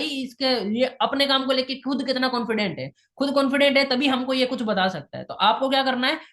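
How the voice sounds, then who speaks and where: A woman gives a coaching talk on making invitations, with a slightly high voice. She repeats her main points and slips English phrases into her talk, in the steady tone of a trainer. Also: echoey room. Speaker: sales trainer. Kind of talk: instructional talk on invitation skills.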